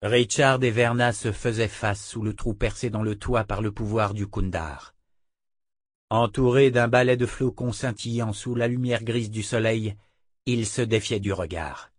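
A man reading a fantasy novel aloud as audiobook narration, measured and expressive. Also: fairly low pitch, no echo, studio quality. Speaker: audiobook reader.

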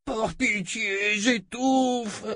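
A man's voice: sits high, fairly even intonation, very slow, pushed and bright, dry recording, clean studio sound, voice pushed up, exaggerated voice. A man voicing a trapped king who pleads in gasps that he is suffocating. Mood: choking. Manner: gasping, strained pleading.

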